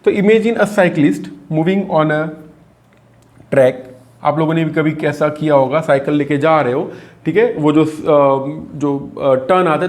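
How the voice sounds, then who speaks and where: A man teaching a physics lesson. He asks rhetorical questions and slows down to read out equations. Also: on the high side, darkish tone. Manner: mixes English formula reading with explanation, asks rhetorical questions.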